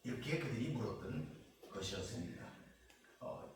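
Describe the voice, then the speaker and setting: A man's voice: on the low side, animated, moderate pace, slight background noise. A man preaching a sermon as pastor, explaining scripture passage by passage and voicing his listeners' mocking questions. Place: prayer retreat church. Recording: very echoey church hall, mic at a distance.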